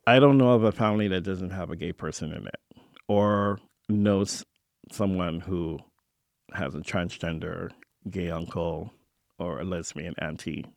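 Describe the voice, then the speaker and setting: A middle-aged man from Hawaii tells stories in a low, gravelly voice. He acts out the voices of his relatives as he goes. The sound is close and dry, with no room around it. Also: a little slow, dry recording. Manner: animated anecdote teller, acting out family voices. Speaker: interviewee. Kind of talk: storytelling in a radio feature interview.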